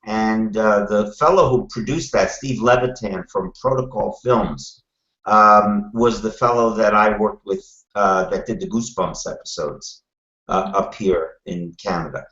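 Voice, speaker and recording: An older man with a thick-set, low voice and a Brooklyn accent talks as a guest in an interview. He is wry and deliberate, drawing out some phrases. The sound is roomy and a little muffled. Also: a bit bright. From Brooklyn, New York, USA. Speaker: guest, television producer. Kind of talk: conversational interview answers. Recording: roomy, slightly muffled call audio.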